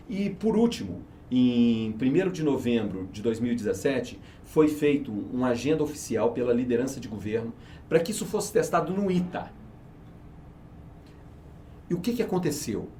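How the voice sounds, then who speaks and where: A man's voice: medium pitch, expressive, normal speed, mellow. Emphatic man explaining, faint hiss. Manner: emphatic, persuasive, asks himself rhetorical questions. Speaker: research and market manager, interview guest. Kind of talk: explanatory interview talk.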